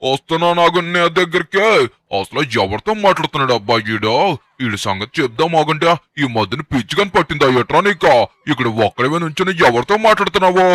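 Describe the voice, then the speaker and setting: A man's voice: on the high side, lively intonation, fast talker, fairly bright tone. Man doing Chop, a nosy detective dog. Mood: suspicious. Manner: nagging, suspicious, bossy. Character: nosy suspicious dog who thinks he's a detective. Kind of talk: gameplay story voice-over.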